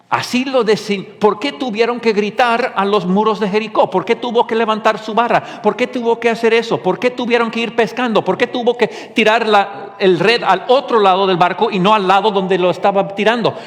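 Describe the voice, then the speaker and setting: A man preaching a sermon as pastor, animated and full of rhetorical questions. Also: high-pitched, long reverb tail.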